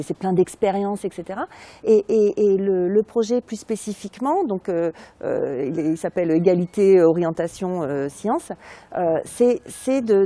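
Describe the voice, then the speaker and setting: A woman sociologist, explaining her research in an interview, pausing often with fillers and restarts. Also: medium pitch, mellow, dry recording. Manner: hesitant, many fillers and restarts.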